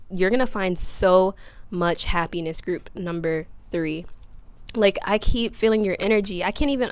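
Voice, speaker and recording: A woman's voice: mid-range voice, darkish tone, no room sound. A woman giving a casual tarot reading to camera outdoors, chatting to viewers as y'all and baby. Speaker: tarot reader. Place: outdoors by a grassy yard.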